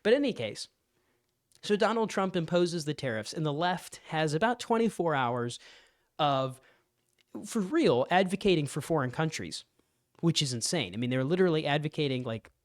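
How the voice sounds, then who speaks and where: A man giving a political opinion monologue, emphatic and sarcastic, mocking opponents in high put-on voices. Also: expressive, moderate pace, dry recording, clean studio sound. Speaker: political commentator.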